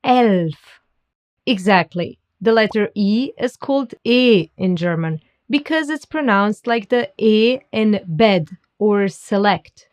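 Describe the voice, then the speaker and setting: A woman's voice: medium pitch, highs cut off. A woman narrating a scripted beginner language lesson, carefully demonstrating how words are pronounced. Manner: slow, careful pronunciation demonstrations. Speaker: language teacher.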